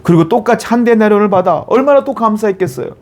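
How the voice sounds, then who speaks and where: A man's voice: high-pitched, expressive, racing. A male pastor preaching a sermon, reading a Bible passage and then explaining it, acting out people's complaints and asking rhetorical questions.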